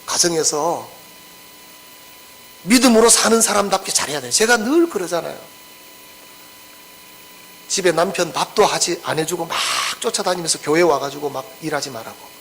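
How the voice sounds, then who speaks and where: High, lively man preaching. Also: moderate pace, long pauses, slight background noise, poor audio. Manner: animated, acts out scripture quotes, asks the congregation questions. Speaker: pastor. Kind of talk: expository sermon.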